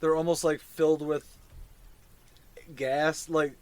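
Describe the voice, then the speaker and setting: A man's voice: a little high, little pitch movement, slow pace, a crowd in the background. A man casually narrating a tabletop fantasy game as the dungeon master and host.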